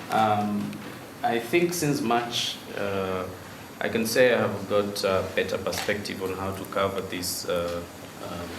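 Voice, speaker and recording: A journalist with a low voice introduces himself at a forum, hesitating and filling pauses as he talks. The sound is echoey, with noise in the background.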